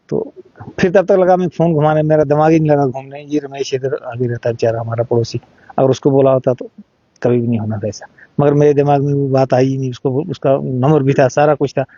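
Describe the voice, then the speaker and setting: Halting middle-aged man, dark voice. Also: mid-range voice, dry recording, lo-fi sound. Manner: halting, repeats words, acts out dialogue. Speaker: interviewee, father of the deceased boy. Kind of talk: emotional first-hand account in an interview.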